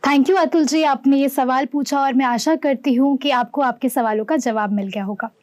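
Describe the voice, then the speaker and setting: A woman's voice: high-pitched, moderate pace, a little mellow, dry recording. A woman hosting a live call-in show, politely greeting callers and passing their questions to the doctor. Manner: polite, formulaic, courteous. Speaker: show host taking calls.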